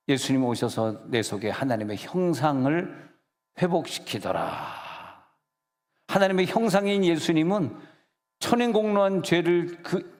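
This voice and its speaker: A man's voice: fairly high pitch, darkish tone. A male senior pastor preaching a conversational sermon, joking with the congregation and acting out quoted voices. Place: church sanctuary. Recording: long church hall reverb.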